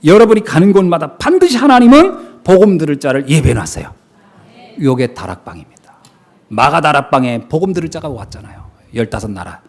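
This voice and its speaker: Animated high-pitched male pastor preaching. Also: brisk. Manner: animated, storytelling with laughter and emphatic repetition. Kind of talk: sermon. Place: church sanctuary.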